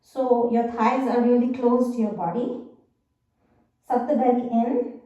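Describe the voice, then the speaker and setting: A woman's voice: fairly high pitch, steady tone, a little slow, mellow, dull audio. Woman teaching yoga in a very echoey room. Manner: patient, encouraging, with fillers. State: slightly out of breath. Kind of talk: guided exercise instruction. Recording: very echoey, distant.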